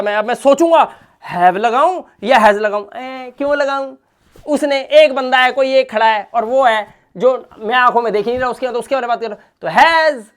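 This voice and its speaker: An animated male English teacher giving a spoken lesson in Hindi. He talks directly to his viewer and spells words out letter by letter. His delivery jumps between soft asides and loud, emphatic bursts. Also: very high voice.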